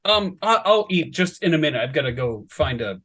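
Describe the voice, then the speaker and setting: A big, fussy vampire host, played by a man, full of polite apologies. The voice is bright and forceful, with a husky edge. It has the sound of a tabletop role-play. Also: on the high side, big pitch swings, brisk, pitched above the performer's own voice, exaggerated voice.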